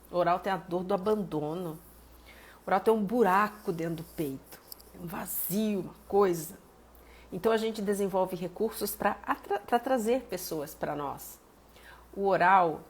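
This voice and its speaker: A Brazilian woman, a therapist and body analyst, gives a live-streamed teaching talk in a low, darkish, breathy-edged voice. She explains step by step, greets viewers by name, and favors diminutives and homely examples.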